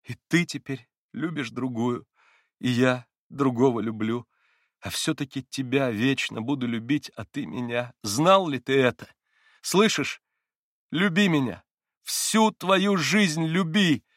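A man reading the part of a passionate, proud young woman, raising his voice higher and speaking with a trembling emphasis. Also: brisk, fairly bright tone, dry recording, studio quality. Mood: impassioned.

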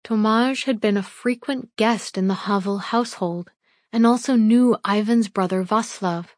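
A woman narrates a first-person memoir in a steady, measured reading voice. Her pitch sits in an ordinary middle range, and the sound is dry and close with no room around it. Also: dry recording. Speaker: audiobook narrator.

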